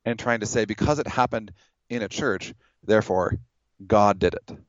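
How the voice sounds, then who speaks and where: A man debating religion in a measured, explanatory way, building his case with hypothetical examples. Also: on the low side, no echo, lo-fi sound.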